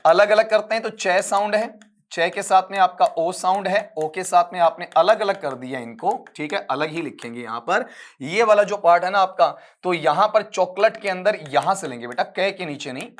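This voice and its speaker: A man, teaching English pronunciation for an exam, coaching his students as "beta" and breaking words into sounds slowly. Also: fairly high pitch, fairly bright tone. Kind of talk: exam paper solution lesson.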